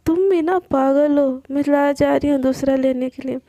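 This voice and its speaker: A playful young woman teases and pleads in a spoken love story, as a woman puts her on. The voice sits high and mellow, with a gravelly edge of fry. The recording is dry and close. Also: normal speed, no room sound. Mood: teasing. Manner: teasing, coaxing.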